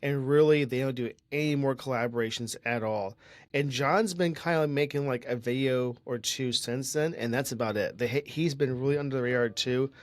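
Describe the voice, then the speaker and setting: A man's voice: mid-range voice, moderate pace, no echo. Chatty young man with a dry sound. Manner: chatty, opinionated, rambling with restarts. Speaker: podcast co-host. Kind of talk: casual tech podcast chat.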